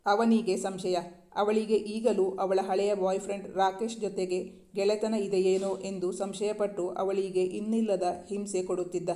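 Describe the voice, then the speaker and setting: Highish mellow male storyteller. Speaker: story narrator. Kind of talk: scripted storybook narration.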